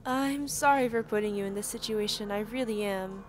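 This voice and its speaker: A woman's voice: mid-range voice, normal speed, a little hiss or hum, close to an everyday voice. A woman voicing a deferential, apologetic female rabbit servant, polite and formal, in an audio roleplay drama. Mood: ominous, regretful.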